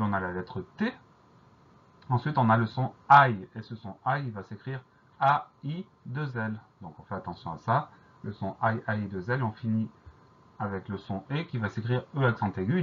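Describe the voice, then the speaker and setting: A man teaching a French spelling dictation lesson, spelling each word out letter by letter in a slow, deliberate way. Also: medium pitch, slightly rough, lo-fi sound.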